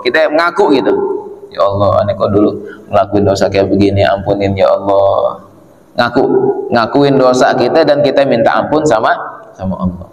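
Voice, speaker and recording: A man giving a relaxed, conversational religious study talk in a mosque and answering questions from the congregation. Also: mid-range voice. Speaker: religious teacher. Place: mosque hall. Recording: echoey mosque hall with long reverb.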